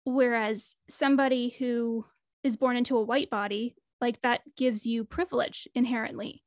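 This podcast guest speaks at a moderate pace in a steady, highish voice, captured in clean studio sound with no room noise. In the casual interview she's earnest and reflective, thinking out loud, though her voice is a bit worn as she loses it.

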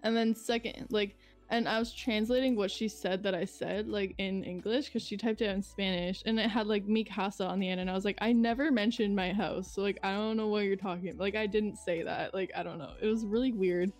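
A young woman with a Canadian accent chatting casually as a podcast co-host, rambling and filling every pause with "like". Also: mid-range voice, steady tone, a little mellow, soft background music. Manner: rambling, heavy use of "like", laughs often. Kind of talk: casual chat.

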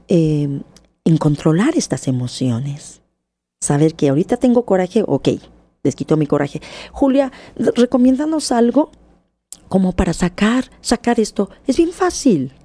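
Animated Mexican woman radio host. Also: lowish voice, no room sound. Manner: animated, coaxing, asks the listener often. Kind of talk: motivational radio talk.

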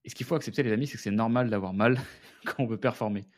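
A French man hosts his own podcast in a candid, chatty monologue. His voice sits low and he talks at a brisk clip. He speaks to listeners as friends, casual and direct. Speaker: podcast host and founder.

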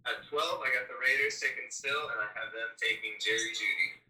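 A man's voice: mid-range voice, a little fast, pushed and bright, recorded from a distance. A man breaking down football draft picks with thoughtful analysis on a casual podcast. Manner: analytical, thinks aloud. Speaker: mock draft panelist. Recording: roomy sound from off mic.

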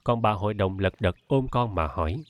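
Low-voiced man narrating an audiobook. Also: no echo. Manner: steady, measured storytelling. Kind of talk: scripted narration.

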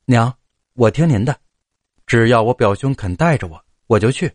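A man's voice: mid-range voice, lively intonation, moderate pace, a little mellow, dry recording, lightly acted. A man doing an earnest, simple young man. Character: honest simple young man in his twenties.

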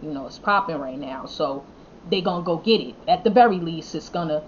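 A woman's voice: low-pitched, lively intonation, brisk, dull audio, slight background noise. A woman hosting a casual podcast, talking in an affirming, thankful way with loose fillers. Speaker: podcast host.

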